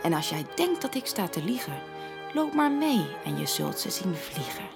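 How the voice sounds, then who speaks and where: A woman reading out a boastful little mouse from a children's storybook, slow and puffed up with self-importance, a touch lower than her usual voice. She lingers over each word as she reads the tale aloud to a child, and music plays softly behind her. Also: sing-song, gravelly.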